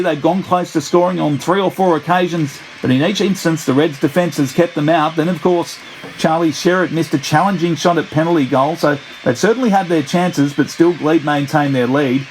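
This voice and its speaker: A man's voice: fairly high pitch, slight background noise, poor audio. A man commentating on a rugby match play-by-play in the formal, descriptive style of an old-time radio sports announcer. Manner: formal, descriptive play-by-play that builds to excited calls.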